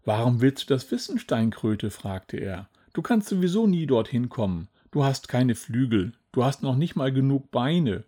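A man's voice: medium pitch, big pitch swings, moderate pace, few pauses, warm tone. A man voicing a small, whiny, nervous male bird in a storybook reading. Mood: surprised, scornful.

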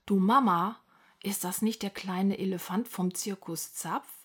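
Woman doing a little girl, proud princess, cheeky, self-assured, slightly breathy, storybook read-aloud. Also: mid-range voice, measured pace. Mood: chatty.

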